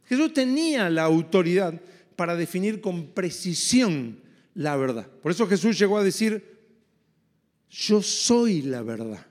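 Emphatic high-voiced male preacher. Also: big pitch swings, moderate pace, big-room sound. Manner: emphatic, repeats key phrases. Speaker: pastor. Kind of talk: sermon.

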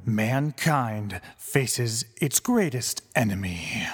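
A man voicing a dramatic movie-trailer announcer, drawn out slowly for a podcast intro. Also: medium pitch, animated, slightly rough, soft background music, full character voice. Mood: ominous. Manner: slow, drawn-out trailer delivery.

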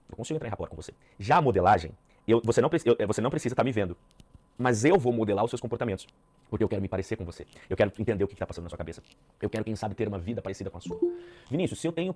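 A man teaching a live online sales class, energetic, repeating key points and checking in with his students. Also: lowish voice, slightly rough. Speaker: sales trainer. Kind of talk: live online training talk.

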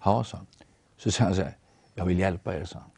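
Norwegian guy telling his faith story, low dark voice, acts out the quotes. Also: vocal fry, breathy edge, no echo. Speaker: guest storyteller.

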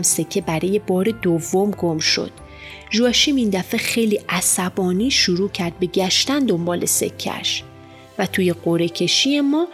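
A woman narrating a children's storybook in the first person as a schoolboy, with lively, expressive storytelling. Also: on the low side. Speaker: audiobook narrator. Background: faint music.

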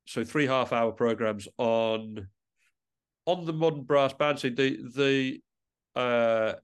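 In a reflective interview, a male musician guest speaks haltingly and keeps rephrasing mid-sentence. His voice is mid-range with a clean tone.

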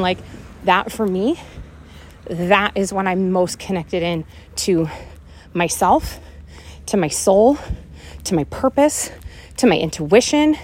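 A woman in her forties hosting a casual walk-and-talk monologue, thinking out loud with lots of fillers as she strolls around her neighborhood. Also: medium pitch, no room sound. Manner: rambling, animated, thinks out loud with many fillers. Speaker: podcast host. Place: walking outdoors around a neighborhood.

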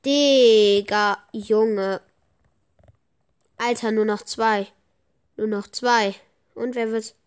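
A woman chatting casually while playing a game for her podcast, excitable and chatty, with frequent slang exclamations. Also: fairly high pitch, drawn-out words, pauses often, clean tone. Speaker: gaming podcaster. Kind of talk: casual gameplay commentary.

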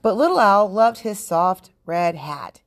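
A woman hosting a podcast, reading a children's book aloud in a calm, clear, steady way. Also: mid-range voice, measured pace. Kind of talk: storybook read-aloud narration.

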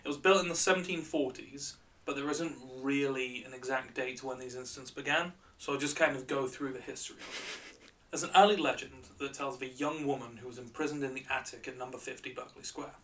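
A man hosting a show as a bright, curious, joking presenter, telling stories in a light-hearted, conversational way. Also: mid-range voice, fast, distant mic. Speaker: podcast and radio show host.

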